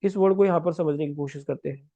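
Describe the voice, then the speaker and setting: A man teaches vocabulary for competitive exams, explaining each word step by step and checking in with his students. His voice sits high, with a mellow, soft-edged tone. The recording is dry, with no room sound, and slightly muffled. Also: quick pace, dry recording. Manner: explains step by step, often asks "है ना", writing words as he talks. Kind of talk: exam-prep vocabulary lesson.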